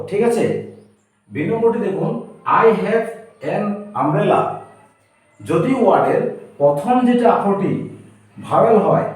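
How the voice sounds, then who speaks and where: A man's voice: high voice, a little mellow. A man with an Assamese accent teaching a grammar lesson, explaining step by step and often checking with the class through questions. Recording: echoey room, voice from far off.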